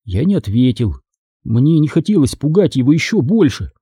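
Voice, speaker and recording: Husky, dark-toned male storyteller. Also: a little high, moderate pace, no echo, clean studio sound. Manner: expressive first-person narration. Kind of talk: audiobook narration.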